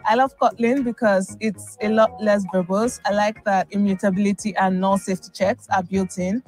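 A woman in her thirties, a software engineer, speaking calmly in a scripted promo testimonial outdoors. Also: mid-range voice, normal speed, soft background music. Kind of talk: scripted interview-style testimonial. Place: outdoor city courtyard.

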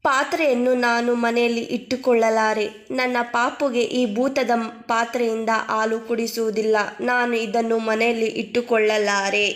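A woman voicing an anxious young wife in an animated story, talking in a pleading, worried way. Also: fairly high pitch, a little slow, hardly any pauses, close to an everyday voice. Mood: frightened. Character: young wife fretting over a haunted pot.

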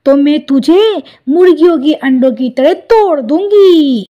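A woman's voice: sits high, lively intonation, a little slow, mellow, lo-fi sound. A woman doing a taunting hen-owner bird. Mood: defiant taunting. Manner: taunting, defiant. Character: quarrelsome female bird, owner of the hens. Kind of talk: cartoon voice acting.

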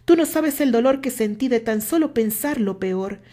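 A woman's voice: fairly high pitch, animated, normal speed, dark tone, voice pushed up. Woman voicing Richard, a firm, mocking rival. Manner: firm, cutting delivery. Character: self-assured man, firm and mocking rival.

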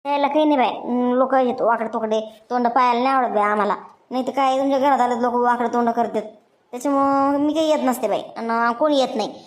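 A woman's voice: a little high, quick pace, lightly acted. A woman voicing a chatty, meddling middle-aged village woman visiting neighbours in a cartoon. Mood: gossipy complaint. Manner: nagging, chatty, defensive. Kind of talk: cartoon voice acting.

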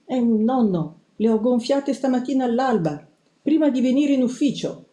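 A woman voicing a timid, flustered male mouse newspaper editor who answers in a nervous, squeaky way. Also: big pitch swings, unhurried, mellow. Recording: roomy echo.

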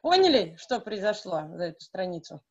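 A woman teaching French, reading a graded reader aloud slowly and explaining it in Russian. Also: mid-range voice, sing-song. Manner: slow, careful reading with pauses to translate. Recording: dull, lo-fi recording.

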